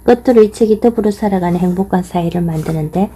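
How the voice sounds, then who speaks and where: A woman reading a nonfiction book aloud in measured, steady scripted narration. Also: fairly low pitch, a little hiss or hum, rough recording. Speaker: audiobook reader.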